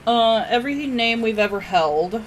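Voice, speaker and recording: A woman's voice: on the high side, lively intonation, moderate pace, slight background noise. A woman co-hosting a podcast in casual chat, blunt and swearing freely. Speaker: podcast co-host.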